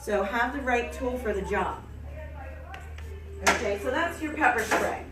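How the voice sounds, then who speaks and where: A woman giving a chirpy, animated trade show product pitch, instructing listeners and often checking in with them. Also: unhurried, very noisy. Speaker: self-defense product demonstrator. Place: indoor expo event. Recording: echoey room, distant mic.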